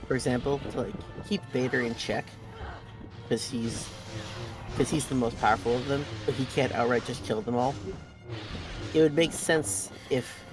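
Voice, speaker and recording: A man giving casual game commentary, thinking aloud in a halting way. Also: medium pitch. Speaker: let's play commentator. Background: game music and effects.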